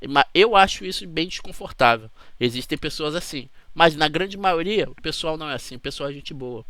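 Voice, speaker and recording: A man's voice: fairly high pitch, lively intonation, fairly quick, sharp tone, dry recording. A man with a Brazilian Portuguese accent, hosting his channel in a chatty, rambling talk to camera that keeps checking in with the listener. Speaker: channel host.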